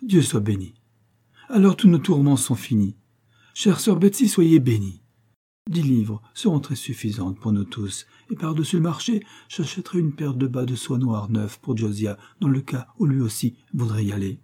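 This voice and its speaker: A man's voice: mid-range voice, expressive, normal speed, warm tone, husky. A man reading aloud, voicing a wheedling, insistent middle-aged matron who begs for money. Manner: pleading, insistent, dramatic.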